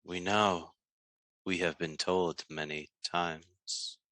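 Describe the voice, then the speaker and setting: A man voicing a subterranean insect swarm that speaks as "we", in a halting, hesitant way. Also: sits low, steady tone, pushed and bright, no echo, heavily acted, low-quality recording. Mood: wary.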